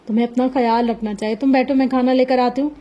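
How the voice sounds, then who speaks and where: A woman's voice: a little high, steady tone, muffled recording, natural voice. A woman voicing a stern but caring middle-aged aunt who scolds and fusses. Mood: gentle. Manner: scolding, bossy.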